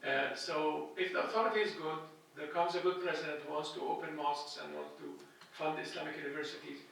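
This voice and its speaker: Egyptian-born lecturer in an echoey hall. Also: male voice, fairly high pitch, fairly even intonation, fast talker, gravelly, a bit bright, far from the mic. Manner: earnest, thinking aloud with frequent restarts. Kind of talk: classroom lecture. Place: lecture hall with a projected slide. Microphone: handheld mic at a lectern, filmed from a distant camera.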